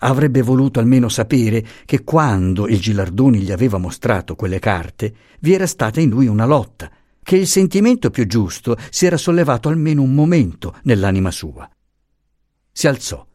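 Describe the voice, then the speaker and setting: A man narrating an audiobook of a classic novel with a lively, theatrical delivery. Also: on the low side, dry recording, studio quality. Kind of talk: expressive reading of a classic novel.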